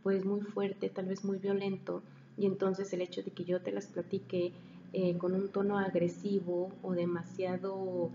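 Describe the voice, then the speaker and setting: A woman's voice: mid-range voice, completely flat delivery, unhurried. A woman teacher, lecturing a class and often checking that students follow. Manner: explanatory, frequent checking questions. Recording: dull, roomy, faint hiss.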